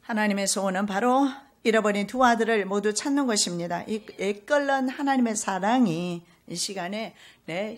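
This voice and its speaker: Earnest woman pastor preaching. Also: mid-range voice. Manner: earnest preaching, slow stresses, rising to fervent loud exhortation. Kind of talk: sermon.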